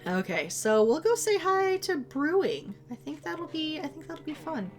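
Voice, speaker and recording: A woman streamer chats casually with her viewers, giggling, rambling and teasing herself, her voice a bit worn as though she's losing it. It's high-pitched with big pitch swings at normal speed, and soft music plays underneath.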